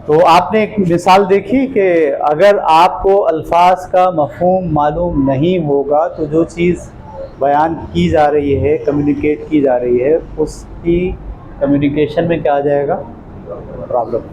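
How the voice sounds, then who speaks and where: A man's voice: on the high side, fairly even intonation, a little mellow, a little hiss or hum, poor audio. A man giving a classroom lecture, explaining words one by one and often checking that his listeners follow. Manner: explains terms step by step, checks for understanding.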